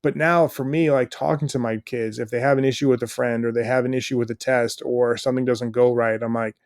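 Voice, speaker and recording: Middle-aged man, podcast guest, earnest and rambling, mid-pitched, dry close sound. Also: steady tone, fairly quick, a little mellow, dry recording. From United States. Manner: earnest, rambling, many fillers and restarts. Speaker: podcast guest, stay-at-home dad. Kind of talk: casual interview chat.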